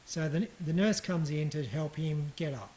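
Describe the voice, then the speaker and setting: Halting man telling his hospital story. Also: on the high side, dark tone, a little hiss or hum, poor audio. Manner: halting, reflective, frequent ums and restarts. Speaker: patient recounting his surgery. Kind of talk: casual personal account.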